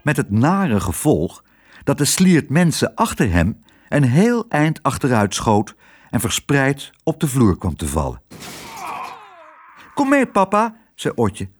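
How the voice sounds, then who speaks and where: A man reading a children's story aloud, his voice husky and breathy. His pitch rises and falls dramatically as he tells the tale, keeping the narration very animated. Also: unhurried. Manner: expressive reading. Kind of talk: audiobook narration.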